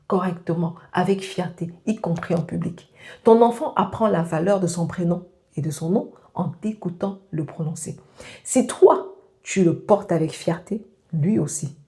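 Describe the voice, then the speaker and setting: A woman talks directly to parents, laying out practical advice point by point. Her voice sits low and sounds warm and soft-edged. The delivery is earnest and instructive, like a host addressing her viewers.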